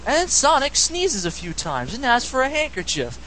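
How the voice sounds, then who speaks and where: A man's voice: very high-pitched, wildly swooping pitch, moderate pace, background noise. A man co-hosting a casual podcast, talking about a video game story with enthusiasm. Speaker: podcast co-host.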